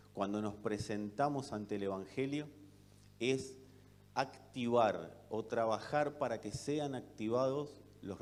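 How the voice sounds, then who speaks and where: Argentine guy preaching a sermon, middle voice, long reverb of a church hall, goes loud then quiet, keeps asking the crowd stuff. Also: mid-range voice. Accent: Argentine Spanish. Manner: rhetorical questions, swings between loud and soft.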